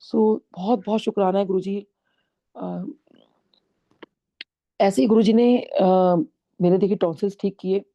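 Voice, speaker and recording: A middle-aged woman recounts a devotional testimony in an earnest storytelling manner, with English words woven into her talk. Her voice sits at an ordinary pitch. The recording is dull and lo-fi. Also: fairly even intonation, measured pace, creaky, pauses often, dark tone. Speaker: satsang speaker sharing a testimony.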